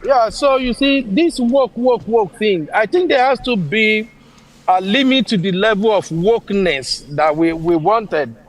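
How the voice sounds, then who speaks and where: A man's voice: high-pitched, measured pace. A middle-aged man with a Nigerian Yoruba accent in casual discussion, speaking emphatically and repeating words for stress.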